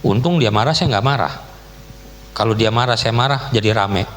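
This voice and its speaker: A man's voice: on the low side, moderate pace, a bit bright, slight background noise. A middle-aged man preaching a casual, joking sermon as a guest pastor, full of slang. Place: church hall. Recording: church PA with long reverb.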